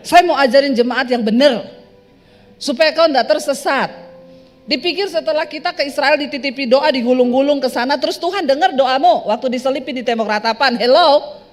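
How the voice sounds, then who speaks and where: High-voiced woman preaching in a hall. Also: a little fast. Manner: lively joking preaching, addresses congregation directly. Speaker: pastor. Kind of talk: sermon. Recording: reverberant hall with soft music.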